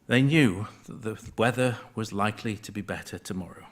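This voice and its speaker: A man's voice: fairly low pitch, a little fast. A man giving an informal Bible talk to a small group, reading scripture aloud and wandering into asides in a conversational way. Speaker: Bible study speaker.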